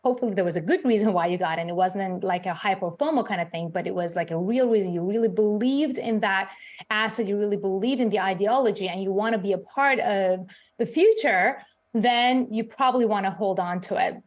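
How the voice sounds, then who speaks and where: A woman's voice: medium pitch, fairly quick. A middle-aged woman born in Iran, a crypto author and CEO, answering in a live news interview in a chatty way, with lots of fillers.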